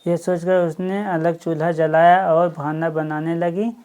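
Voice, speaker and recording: A woman's voice: lowish voice, little pitch movement, measured pace, mellow. A woman reading a story aloud and explaining it as she goes, adding asides for her listeners.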